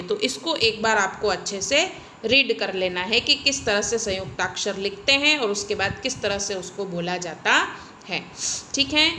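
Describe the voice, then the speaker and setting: Bright-voiced woman teaching a lesson. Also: a little high, a little hiss or hum. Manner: explains step by step, checks in often with "okay". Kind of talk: recorded Hindi grammar lesson. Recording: echoey room.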